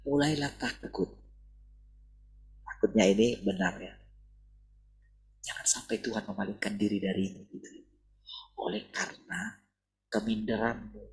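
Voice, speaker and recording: A man's voice: fairly low pitch, fairly even intonation, unhurried, pauses often, slightly rough, poor audio. A man preaching a sermon in a conversational way, often turning to address his listeners directly.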